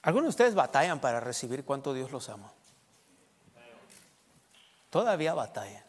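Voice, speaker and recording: A man preaching a sermon as a pastor, emphatic and animated, with quick asides and quips. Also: mid-range voice, husky, big-room sound.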